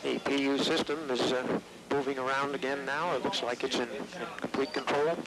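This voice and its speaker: A man's voice: mid-range voice, steady tone, normal speed, noisy background. A man giving technical status reports on a rocket flight over a radio loop. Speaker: flight systems commentator.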